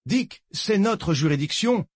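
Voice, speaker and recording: Guy doing a doubtful agent pushing back, pitched up. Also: lively intonation, takes it slowly, no echo, studio quality, heavily acted. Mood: incredulous.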